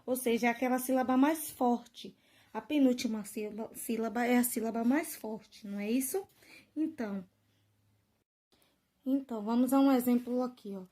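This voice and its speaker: A woman teacher, giving a lesson to children, drawing out example words slowly and often checking that they follow. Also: on the high side, mellow. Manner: slow drawn-out stress on example words, frequent "né?" and "tá bom?" checks.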